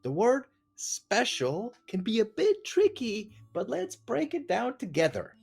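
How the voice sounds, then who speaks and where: A gentle, high, sing-song tutor encourages a small child one syllable at a time, as a man puts the voice on. The tone is soft and praising, and the pitch rises and falls in a lively way. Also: measured pace, gravelly, breathy edge, full character voice. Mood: encouraging.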